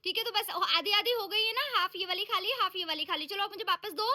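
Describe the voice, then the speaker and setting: A woman's voice: very high voice, fast, pushed and bright. A woman playing the mother in a scripted family vlog skit, scolding and lecturing her child while talking to the viewers. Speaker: mother and vlogger.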